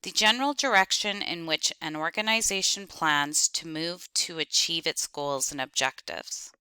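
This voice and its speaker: A woman lecturing on accounting, reading out terms, definitions and lists in clipped, deliberate steps. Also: deep voice, pushed and bright, smooth, no echo. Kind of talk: reading lecture slides aloud.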